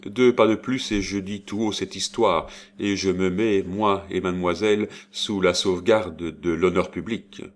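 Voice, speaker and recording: A man voicing an earnest, resolute young nobleman in an audiobook, speaking in a measured, solemn way. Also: low-pitched, fairly even intonation.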